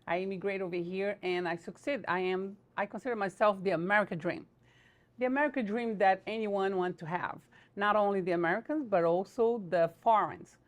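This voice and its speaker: A Brazilian woman who speaks Portuguese answers interview questions as a political candidate. Her English is earnest and halting, and her pitch sits in the medium range.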